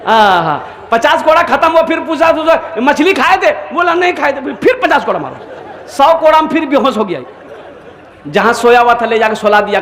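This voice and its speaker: A man's voice: very high-pitched, a bit bright, echoey room. A man, a maulana, preaching a humorous sermon full of acted anecdotes and dialect voices. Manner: storytelling, voices characters in dialect.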